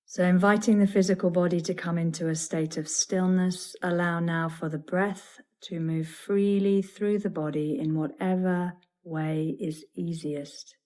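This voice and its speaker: With a mellow, lowish voice and fairly even intonation, this female teacher talks listeners through yoga nidra, soothing and deliberate, pausing between measured phrases.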